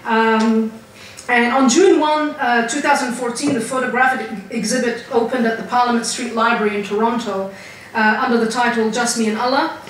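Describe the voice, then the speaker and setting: A woman's voice: fairly high pitch, steady tone, normal speed. Woman lecturing in a very echoey room. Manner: conversational, hesitant with fillers. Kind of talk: academic lecture. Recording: very echoey room, distant mic, faint hiss.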